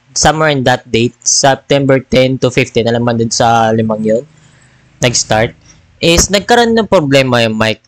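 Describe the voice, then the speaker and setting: A man's voice: medium pitch, a bit bright, smooth, no echo. A man chatting casually as a gaming vlogger on a headset mic, rambling and mixing in English phrases. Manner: rambling, mixes Tagalog and English. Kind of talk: casual chat.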